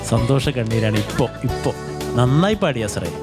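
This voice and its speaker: Male judge, mid pitch, jokey and brotherly, music bed clear behind. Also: animated, moderate pace. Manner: jovial, brotherly, joking. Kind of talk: judge's critique on a TV talent show.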